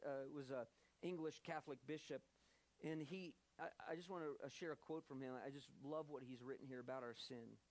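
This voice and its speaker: A man preaching a sermon as pastor, earnest and emphatic, slowing down to stress key phrases. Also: a little high, creaky, poor audio.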